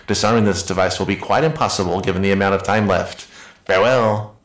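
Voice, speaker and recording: A man's voice: sits low, fast talker, reverberant, natural voice. A man reading out the lines of a gloating, theatrical male villain commander from a comic, in formal menacing wording.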